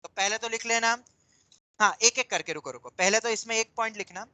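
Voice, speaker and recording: A male maths teacher lectures a class with a bright, forceful voice. He explains patiently, slipping English terms into Hindi and calling his students "beta". He speaks in a classroom with students present. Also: high voice, brisk, low-quality recording.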